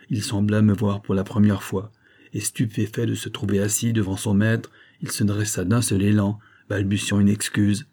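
A man reading a nineteenth-century novel aloud, narrating expressively and raising his voice for the shouted dialogue. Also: lowish voice, slightly rough. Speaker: audiobook reader. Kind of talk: dramatic audiobook narration.

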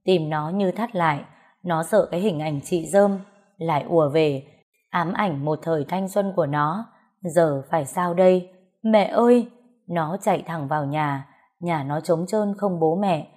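A woman narrating a dramatic ghost story in a calm, measured reading. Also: deep voice.

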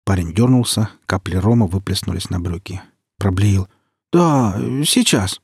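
A man narrating an audiobook in an even, measured storytelling manner. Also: sits low, husky, no echo, clean studio sound. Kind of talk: scripted narration.

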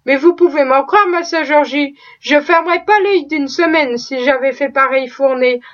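Woman reader as a talkative, pious cook with a high voice, folksy and full of exclamations, on a dull lo-fi recording. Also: moderate pace, fairly bright tone. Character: proud, chatty, pious female cook.

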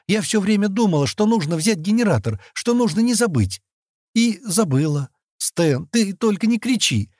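A man's voice: on the high side, expressive, moderate pace, a little mellow, dry recording, pitched above the performer's own voice, natural voice. A man voicing a timid young woman who speaks guiltily and close to tears. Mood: guilty, near tears. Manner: apologetic, near tears.

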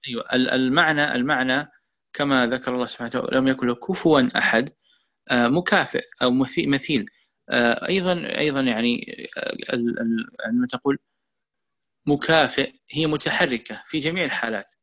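A man giving a religious lesson to an online class, speaking quickly at a mid pitch. He explains in a measured way and repeats key words for emphasis. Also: a bit bright. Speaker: Quran teacher. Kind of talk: religious lecture and Q&A.

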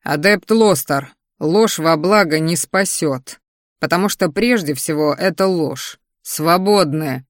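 Woman putting on a cold old rector guy, slow and icy, lowish voice. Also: no room sound, studio quality. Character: cold, stern older male academy rector.

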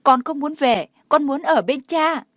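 A woman voicing a tearful, clingy little boy who pleads with his father in a high, whiny voice. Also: measured pace, fairly bright tone, dry recording, studio quality. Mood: sulky. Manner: high, whiny crying pleas.

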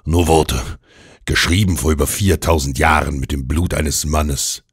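A feverish, domineering old uncle , as a male audiobook narrator puts him on, his voice extremely deep. He talks in a gruff, commanding way that turns slow and intense. The sound is dry and close. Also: steady tone, no room sound, exaggerated voice.

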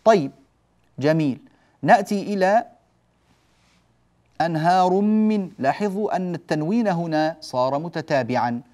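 A man's voice: on the high side, animated, a little mellow. Patient man teaching Quran recitation. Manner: explains step by step and often asks the class "جيد؟"; stretches out example words slowly. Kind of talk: classroom lesson on tajweed rules.

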